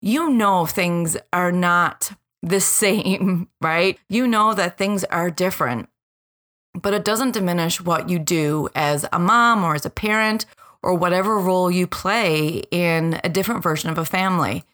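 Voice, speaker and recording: A woman in her forties with a slightly low voice gives a personal, reflective monologue as a podcast host. She speaks directly to listeners in an earnest, deliberate way. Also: fairly bright tone.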